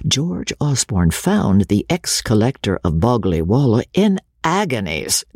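A man's voice: medium pitch, a little mellow, slightly rough, no echo, clean studio sound. A man narrating a classic novel aloud with a dramatic, swooping delivery. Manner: dramatic, swooping delivery with many character voices. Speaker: audiobook narrator. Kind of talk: expressive literary narration.

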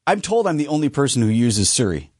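A man's voice: mid-range voice, sing-song, fast talker, darkish tone, husky, no room sound, clean studio sound. A man co-hosting a radio talk show, chatting casually with joking asides. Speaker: radio co-host. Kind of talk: casual chat.

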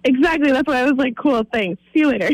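A woman calling in to a radio show, telling a story in an animated, expressive way. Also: high-pitched, fast talker, no room sound, rough recording. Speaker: caller. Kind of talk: phone-in story.

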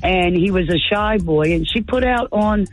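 A man's voice: sits high, normal speed, soft background music, low-quality recording. A man calling a radio show, telling a heartfelt story in an earnest, sentimental way.

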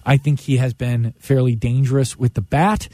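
A man's voice: medium pitch, steady tone, normal speed, warm tone, no echo. An American man hosting sports radio, talking through baseball in a conversational, emphatic way with repeated phrases.

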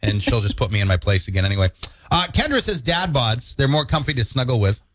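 On a morning radio show, a thirtysomething male co-host spins lively, joke-filled stories in a playful way. His mid-range voice moves at a quick pace, and the studio-mic recording is dry.

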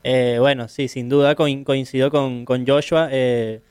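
Man, Venezuelan accent, interview guest, smooth clear voice, dry close sound. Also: mid-range voice, fairly even intonation, a little mellow, dry recording. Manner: friendly, unhurried, with frequent pauses. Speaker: guest, professional surfer. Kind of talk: interview answers.

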